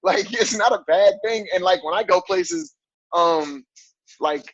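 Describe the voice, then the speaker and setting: A man's voice: sits high, a little slow, no echo. 30s guy chatting loose in an interview, um's everywhere, kinda muffled dry sound. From grew up on military bases overseas. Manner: relaxed, rambling, frequent fillers and laughs. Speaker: fitness coach. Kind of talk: casual interview.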